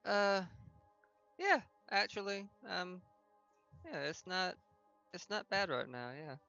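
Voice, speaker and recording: A player voicing an awkward, unsure teenage outcast in a tabletop game, speaking haltingly. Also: mid-range voice, expressive, vocal fry, bright, forceful tone, no echo, dull audio, faint music behind, exaggerated voice. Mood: flustered. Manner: halting, hesitant. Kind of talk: in-character tabletop roleplay.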